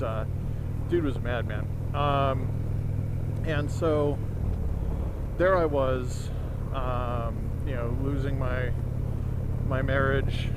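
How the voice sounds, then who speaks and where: A middle-aged man giving a candid, earnest monologue to viewers in a halting way, speaking from inside a motorcycle helmet. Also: medium pitch. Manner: halting, earnest, with long pauses. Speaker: motovlogger. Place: outdoors, riding a motorcycle. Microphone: close mic inside a motorcycle helmet. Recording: steady engine and road noise, inside helmet.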